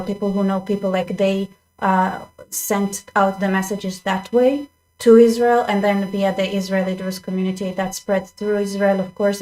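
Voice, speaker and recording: A young woman hosts her own channel, chatting casually to camera and speaking straight to her viewers, often restarting and wandering into asides. Her voice is medium in pitch and a little mellow, picked up on a desk microphone in a low-quality recording.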